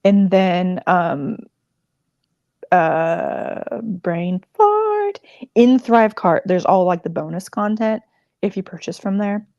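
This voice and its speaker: A woman's voice: lowish voice, takes it slowly, a little mellow, dry recording, lo-fi sound. A woman crochet designer chatting casually on a livestream, rambling and emotional with many fillers.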